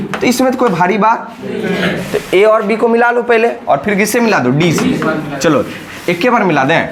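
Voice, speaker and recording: A man with a voice a little high for a man teaches maths at a whiteboard in a classroom, recorded in summer heat. He counts through the steps aloud and keeps checking with the students, coaxing them to say whether it is clear.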